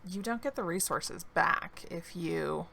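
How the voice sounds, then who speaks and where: This woman, a gaming video creator, thinks aloud slowly through relaxed let's-play commentary on her own game. Her lowish voice is gravelly, bright and forceful, with a little hiss or hum, and it's giving out slightly as she keeps clearing her throat.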